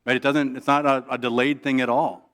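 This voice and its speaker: A man's voice: mid-range voice, level tone, clear, resonant tone. A male pastor preaching a sermon in a conversational way, often asking "right?" and restarting his sentences. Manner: acts out quoted prayers in a soft, hushed voice; halting restarts and repeated words.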